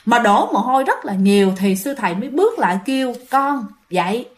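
A woman's voice: on the high side, animated, brisk. A woman with a Southern Vietnamese accent, casually retelling a ghost story and chatting directly to her listeners.

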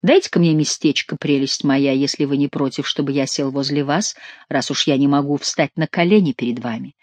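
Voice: mid-range voice, fairly quick, darkish tone, no echo, close to an everyday voice. An audiobook reader voicing an amorous, cheerful young king who speaks tenderly and effusively. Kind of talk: audiobook character reading.

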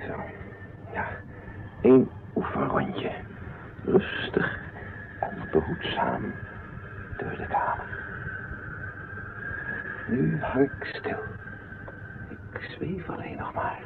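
A man's voice: medium pitch, gravelly, narrow, tinny audio, background noise, full character voice. An actor in an old radio play voicing a dreamy, playful husband who mutters to himself and boasts that he can fly. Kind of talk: Dutch radio play acting.

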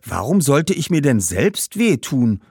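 A lively young girl in a read-aloud storybook, as a man puts her on, outspoken and eager, with frequent exclamations. Her high voice jumps around a lot and sounds close and dry. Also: measured pace, breathy edge, no echo, heavily acted.

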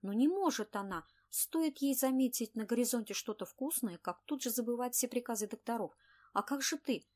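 A woman voicing a brisk young makeup artist who scolds her sick friend, in an audiobook reading. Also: on the high side, expressive, a little mellow, voice pushed up. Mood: indignant.

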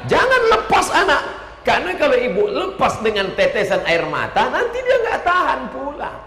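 A man from Indonesia delivers a lively, humorous sermon in a fairly high voice, now and then shouting out lists for emphasis. He is heard in a large hall, with a roomy echo and a long reverb trailing his words. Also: moderate pace. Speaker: preacher.

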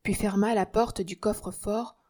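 A woman reading a nineteenth-century novel aloud in a measured, dramatic way. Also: mid-range voice, steady tone, darkish tone. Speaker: audiobook reader.

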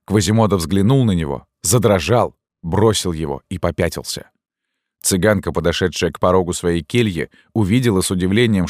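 A man reading a classic novel aloud as scripted audiobook narration, steady and measured. His voice is very deep, and the recording is close and dry, with no room sound. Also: no room sound.

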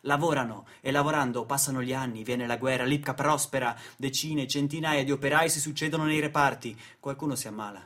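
In a mid-range, slightly bright voice, this narrator and stage actor reads dramatic radio theatre script a little fast, barely pausing. His manner is solemn and theatrical, with short phrases that carry weight.

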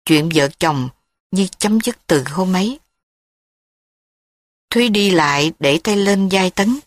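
A woman narrating an audiobook drama in an even, steady storytelling manner. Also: on the low side, takes it slowly, dry recording.

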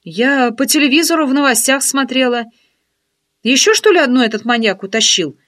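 A woman voicing a brash, talkative female friend who teases and scolds in a lively, bossy way, in an audiobook. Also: a little high, brisk. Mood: nosy. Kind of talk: audiobook character voice.

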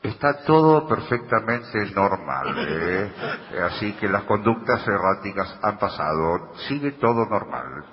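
A pompous supermarket loudspeaker voice in a radio comedy sketch, making declamatory announcements. The voice is low, with long reverb, faint noise and a dull radio sound. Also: male voice, very animated, a little slow. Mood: announcing.

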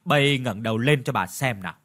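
A man's voice: mid-range voice, a little fast, a bit bright, close to an everyday voice. A man voicing a stern, imperious older mistress of a rich household who talks down to her servants in an audio story. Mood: commanding.

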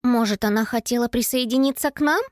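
Timid girl, slightly high, nervous and shaky, woman narrator puts her on, storybook. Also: quick pace, no echo, studio quality, natural voice. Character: timid girl Anna, easily frightened.

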